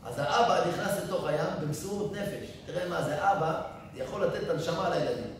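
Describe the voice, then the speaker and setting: A man, a rabbi, giving a sermon full of stories and acting out the people in them. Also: sits high. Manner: animated, acts out quoted people. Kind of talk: sermon with storytelling. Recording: echoey hall, mic far off, faint noise.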